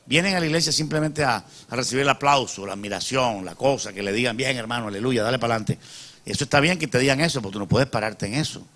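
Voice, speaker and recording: A male pastor preaching a sermon, calling out amen and asking the congregation rhetorical questions, dropping to soft asides and rising to loud emphatic peaks. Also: mid-range voice, animated, quick pace, hardly any pauses.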